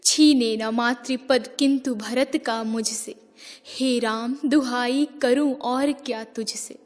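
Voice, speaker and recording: A remorseful queen mother pleading before the court, voiced by a woman reciting verse. Her high voice moves slowly and deliberately through each line. A long hall reverb trails every phrase. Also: steady tone. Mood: anguished. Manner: impassioned, measured verse recitation.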